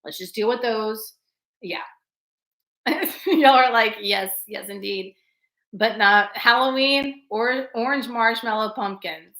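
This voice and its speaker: Lady chatting live w her viewers, bright voice, laughs a lot, echoey room. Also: a little high, takes it slowly. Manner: chatty, laughs often, talks straight to viewers. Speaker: livestream host reading chat. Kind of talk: casual live chat.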